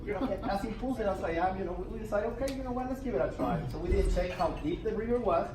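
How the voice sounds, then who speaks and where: Man telling a story in an echoey room. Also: sits high. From El Salvador. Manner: animated, laughing storyteller with restarts. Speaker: presenter at a business networking meeting. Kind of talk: storytelling presentation. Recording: echoey room, mic from far off, noisy.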